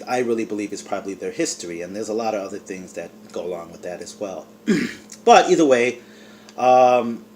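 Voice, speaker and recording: A man's voice: on the low side, darkish tone, a little hiss or hum. A man giving a rambling, casual movie review to camera, full of fillers. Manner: eating and talking with mouth full.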